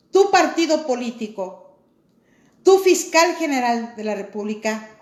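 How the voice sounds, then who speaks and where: Woman, high voice, impassioned political monologue, emphatic rhetorical questions, echoey room. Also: a little mellow. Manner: rhetorical, emphatic, repetitive appeals to listeners.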